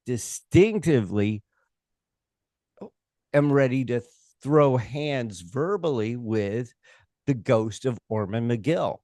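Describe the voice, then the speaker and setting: In a relaxed interview, this American stage hypnotist and comic comes across as opinionated and emphatic, pausing and stumbling while tossing in rhetorical asides. His medium-pitched delivery is expressive and warm-toned, and the recording is dry.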